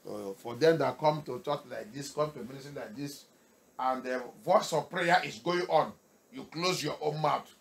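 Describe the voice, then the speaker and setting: A male pastor preaching a sermon with emphatic delivery, repeating key phrases and swinging from soft to loud. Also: medium pitch, unhurried, gravelly, slightly rough.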